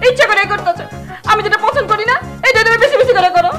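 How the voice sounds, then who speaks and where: An actress playing a quarrelsome young village wife who complains in rustic dialect and sobs melodramatically in a comic drama. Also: female voice, very high-pitched, rapid-fire. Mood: sobbing complaint. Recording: echoey room with music.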